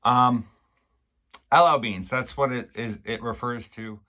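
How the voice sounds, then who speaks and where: A man from Maine with a Maine accent, casually explaining local slang in a halting, rambling way, repeating and restarting phrases. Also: medium pitch, steady tone, sharp tone. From Maine, United States. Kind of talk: casual unscripted explainer chat.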